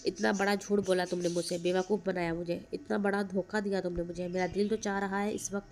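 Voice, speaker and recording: A woman's voice: lowish voice, flat delivery, a little fast, a little mellow, slight background noise, lightly acted. A woman voicing an angry, stern older husband who reproaches his wife, in an audio novel. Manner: bitter, reproachful.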